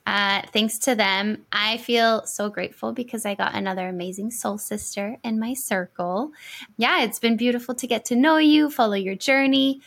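A woman's voice: fairly high pitch, moderate pace, vocal fry, fairly bright tone. A woman hosting a podcast, enthusiastic and bubbly as she welcomes and questions her guest. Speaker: podcast host. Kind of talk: casual interview chat.

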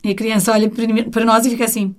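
Woman, European Portuguese accent, teacher, fairly high voice, animated, mimics voices. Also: rapid-fire. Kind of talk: casual conversation.

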